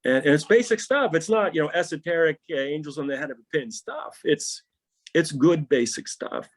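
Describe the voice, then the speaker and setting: A man's voice: fairly high pitch, normal speed. A middle-aged pastor in a podcast interview, telling stories animatedly and often repeating words as he starts a thought.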